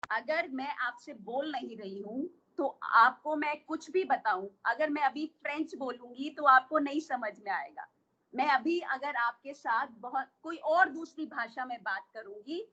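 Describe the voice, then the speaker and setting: A woman's voice: high voice, bright, forceful tone, lo-fi sound. A woman coach with an Indian accent teaching an online workshop, explaining patiently and asking the listeners questions.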